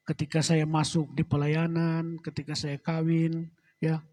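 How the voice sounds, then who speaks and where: A middle-aged man, a pastor, giving a personal testimony in church and ending phrases with a soft, trailing address to the congregation. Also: on the high side, completely flat delivery, measured pace. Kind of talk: sermon testimony.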